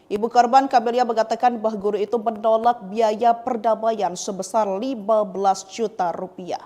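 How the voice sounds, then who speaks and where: A woman reading a scripted news report in an even, formal manner. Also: a little high, normal speed. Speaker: news narrator.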